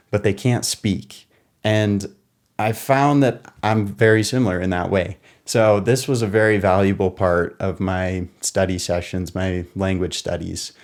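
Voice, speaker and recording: A young American man, a podcast co-host, speaks in a lowish voice through a relaxed, casual monologue. He walks through things step by step and now and then corrects himself along the way.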